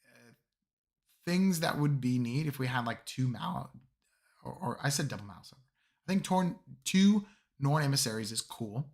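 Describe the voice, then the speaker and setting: A man hosting a live stream, with a voice still raspy from a cold, chatting upbeat and casual with his viewers. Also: medium pitch, animated, normal speed, long pauses. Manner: upbeat, talks to chat. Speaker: streamer host.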